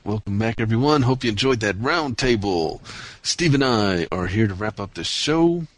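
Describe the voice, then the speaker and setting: Husky low-voiced podcast host. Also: male voice, normal speed, no echo. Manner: relaxed, bantering. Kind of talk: casual chat.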